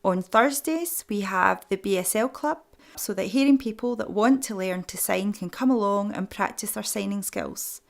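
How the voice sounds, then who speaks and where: A woman, giving a sign language interpreter's translation voice-over in steady first-person speech. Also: mid-range voice, normal speed, creaky. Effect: translation voice-over for deaf signers.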